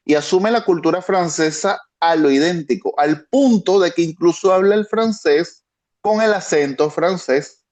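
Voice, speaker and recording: A man's voice: on the high side, a little mellow. A Venezuelan man with a Venezuelan Spanish accent, a guest analyst thinking aloud with frequent restarts over a video call. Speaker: guest, international security analyst. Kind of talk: conversational expert analysis.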